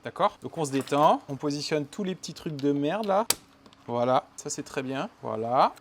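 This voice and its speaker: Man, self-mocking mechanic, mutters and curses, mic off at a distance, clear background noise. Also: on the high side, lively intonation, moderate pace. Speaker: mechanic vlogger. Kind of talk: talking to himself while working. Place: workshop. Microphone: camera mic from a distance.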